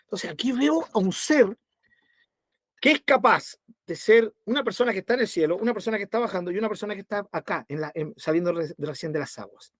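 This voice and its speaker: A man's voice: high-pitched, animated, quick pace, no echo, studio quality. A man teaching a Bible study to his congregation, conversational, with constant rhetorical tag questions.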